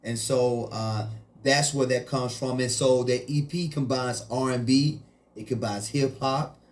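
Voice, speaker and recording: A man's voice: mid-range voice, steady tone, unhurried. A man who grew up in Haiti, a musician guest chatting casually in an interview in a laid-back way, often saying "you know" and "man".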